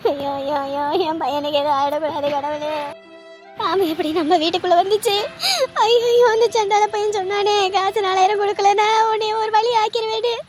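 A woman's voice: extremely high pitch, fairly even intonation, fairly quick, music in the background. An actress playing a grieving village mother who wails laments and cries out to god. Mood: lamenting. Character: grieving village mother, loud and sharp-tongued. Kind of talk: short-film drama acting.

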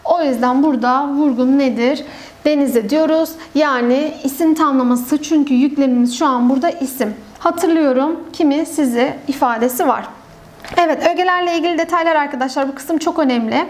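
High-voiced woman teaching grammar online. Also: a little fast. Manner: explains step by step, asks and answers her own questions.

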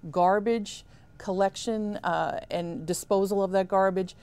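A woman in her fifties, a town supervisor answering questions in a studio interview, speaking in a measured, emphatic way on a lapel mic. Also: mid-range voice, fairly even intonation, darkish tone, clear, resonant tone. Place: small studio set with armchairs.

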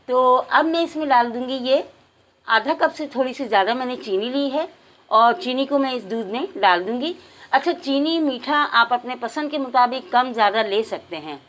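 Woman, recipe voice-over, calm and instructive, home kitchen. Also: high-pitched, slight background noise. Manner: calm, instructive, addresses viewers directly. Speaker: cooking channel host.

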